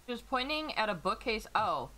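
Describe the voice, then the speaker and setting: An American woman giving casual, expressive gameplay commentary, jokey and prone to swearing. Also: on the high side, normal speed, rough recording. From United States. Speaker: streamer playing a horror game.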